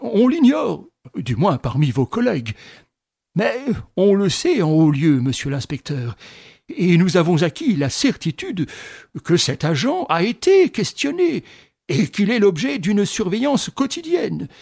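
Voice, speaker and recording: A man's voice: high-pitched, big pitch swings, a little slow, vocal fry, darkish tone, breathy edge, dry recording, clean studio sound, pitched above the performer's own voice, exaggerated voice. A man reading aloud and voicing an old army general who presses his case with emphatic, raised delivery. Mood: insistent. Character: old male army general, insistent and proud.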